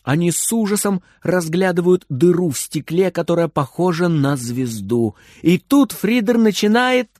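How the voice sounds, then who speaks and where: A man reading a children's story aloud in an expressive, animated way. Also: high voice, moderate pace, few pauses, no echo, clean studio sound.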